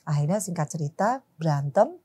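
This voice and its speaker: A woman's voice: low voice, expressive, brisk, dark tone, slightly rough. A woman guest in a casual interview, telling a personal story in colloquial speech and acting out quarrels in quoted voices. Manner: colloquial, mixes in slang and English words.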